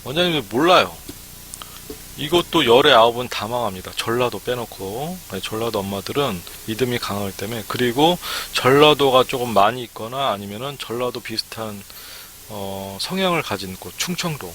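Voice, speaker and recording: A man lectures over a live stream in a bright, forward voice, talking in a loose, chatty way and dropping "ne" between points. A faint hiss sits under the recording. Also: medium pitch, lively intonation, normal speed. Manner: chatty, frequent "ne" fillers. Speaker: academy startup consultant.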